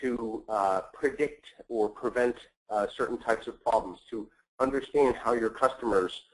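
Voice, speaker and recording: A man hosting and presenting a business webinar, speaking in a measured way with frequent filler words. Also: medium pitch, poor audio. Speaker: webinar host.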